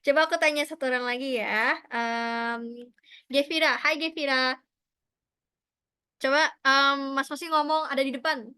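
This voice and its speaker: A woman teaching a language class online, chatty and encouraging, often cheering her students on with quick praise. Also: sits high, steady tone, pushed and bright, dry recording, studio quality. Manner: chatty, encouraging, mixes in English and Japanese praise.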